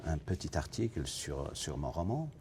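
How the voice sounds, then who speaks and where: A male novelist, originally from Africa, answering questions in a television interview, thinking aloud and searching for his words, with many pauses. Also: a bass voice, sing-song, noisy background. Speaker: novelist guest. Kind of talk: TV interview, reflective.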